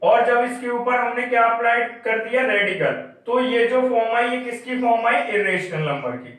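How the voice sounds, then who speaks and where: A man's voice: very high voice, lively intonation, normal speed, fairly bright tone. A male math teacher giving a classroom lecture, asking questions and answering them himself. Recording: echoey room, far from mic.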